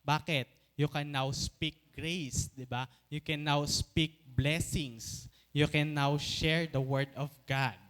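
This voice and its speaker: High, smooth-voiced man preaching. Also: steady tone, a bit bright. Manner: preaching in Tagalog mixed with English, calls for amens; slows and stretches key phrases. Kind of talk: sermon.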